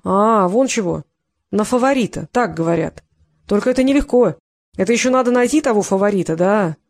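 A woman reader doing a tired, wry middle-aged investigator stuck in a hospital bed. He talks dry and gruff, with a bit of a grin in it. The audiobook voice is close to the mic, with a dead, dry sound. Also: high voice, expressive, brisk, no echo. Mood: amused.

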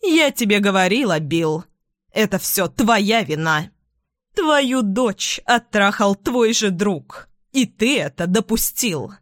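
A woman voicing a furious middle-aged mother in an audiobook, shouting scornful accusations. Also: mid-range voice, animated, slow, no echo, clean studio sound. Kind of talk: audiobook character voice.

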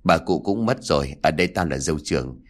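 A grasping eldest daughter-in-law who barks orders and turns shrill when crossed, as a male storyteller puts her on. Her voice rises and falls in lively swings. It is a harsh, commanding voice in a spoken horror story. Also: brisk. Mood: bossy. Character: greedy, domineering eldest daughter-in-law, woman.

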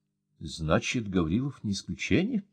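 A man's voice: fairly low pitch, huge pitch swings, moderate pace, breathy edge, no room sound, full character voice. An indignant old professor who speaks with emphatic, fussy energy, as a male narrator reads his lines. The audiobook voice sounds close and dry, with no room around it. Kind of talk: audiobook character voice.

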